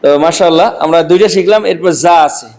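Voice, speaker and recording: A man from Bangladesh teaching Quran letter pronunciation, drawing out and repeating each sound slowly. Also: high voice, steady tone, darkish tone, low-quality recording. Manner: slow, drawn-out demonstrations of letter sounds, repeating each many times.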